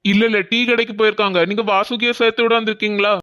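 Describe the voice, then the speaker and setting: A woman's voice: mid-range voice, level tone, racing, a bit bright, clear, resonant tone, natural voice. A woman voicing a chatty woman helping at a music class in a cartoon. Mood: friendly.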